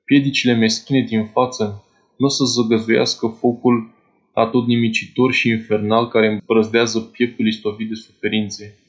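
A man's voice: on the low side, level tone, natural voice. Guy putting on swooning young lover, over the top speeches, kinda dull sound. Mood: fervent. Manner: overblown, declamatory passion. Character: young male lover, feverish and grandiloquent.

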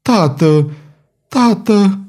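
A heartbroken young woman in a read-aloud storybook, voiced by a man. Her voice climbs high and strains as she pleads, on a soft and mellow base. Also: natural voice. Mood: pleading. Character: young woman, devoted adopted daughter, tearful.

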